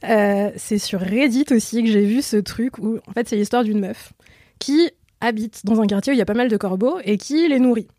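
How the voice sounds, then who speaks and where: A woman co-hosting a podcast, telling anecdotes in a lively, slangy way. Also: a little high, moderate pace, dry recording, clean studio sound.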